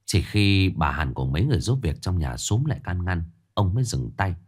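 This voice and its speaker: A man narrating a dramatic village tale in an expressive, scripted storytelling voice. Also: sits low, a little fast, breathy edge.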